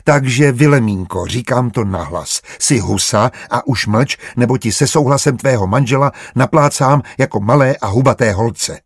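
A man's voice: mid-range voice, few pauses, husky, no echo, studio quality. A man voicing a thrifty, sarcastic older merchant uncle in an audiobook, impatient in manner. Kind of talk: audiobook character voice.

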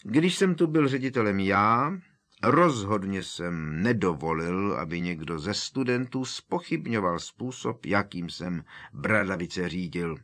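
A man's voice: low voice, expressive, fairly bright tone. A man voicing a pompous old former headmaster in a portrait, haughty and hissing, in an audiobook reading. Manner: haughty, hissing when angered. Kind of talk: audiobook character voice.

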